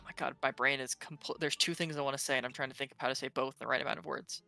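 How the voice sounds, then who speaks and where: Bright, crisp-voiced man playing a tabletop game. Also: medium pitch, fairly even intonation, faint music behind. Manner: eager, thinking aloud, quick restarts. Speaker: player. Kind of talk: casual tabletop game talk.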